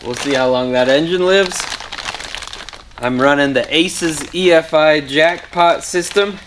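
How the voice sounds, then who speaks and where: A man's voice: fairly high pitch, a little slow, noisy background. Chatty man rambling in a garage. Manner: rambling, self-deprecating, chatty. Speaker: car mechanic vlogger. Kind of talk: casual shop vlog. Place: garage workshop.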